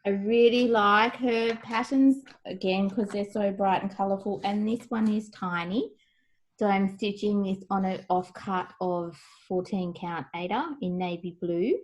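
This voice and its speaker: A middle-aged woman who co-hosts a craft video blog chats casually while showing things off, recorded at home over a video call. Her voice is medium in pitch with fairly even intonation and an unhurried pace. The recording is rough.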